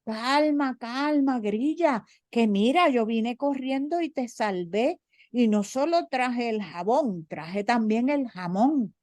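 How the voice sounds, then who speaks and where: Woman doing a calm little mouse husband. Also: a little high, slow, no room sound, voice pushed up. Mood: calm reassuring. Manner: soothing and reassuring.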